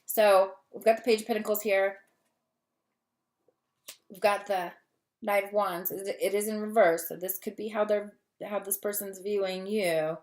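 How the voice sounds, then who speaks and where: A woman doing a casual tarot reading to camera, talkative and long-winded, gushing and easily excited. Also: medium pitch, measured pace. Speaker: tarot reader.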